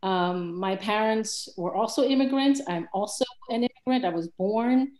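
A woman from Cuba, raised in Miami, asking a guest speaker a question on a video call, hesitant with many pauses. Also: medium pitch, a little mellow. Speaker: student, lecture attendee. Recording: roomy video call audio.

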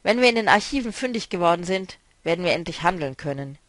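A man's voice: high voice, lively intonation, fast talker, a bit bright, no room sound. A man reading a novel aloud, voicing a stern, mocking woman who speaks firmly and decisively. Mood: determined.

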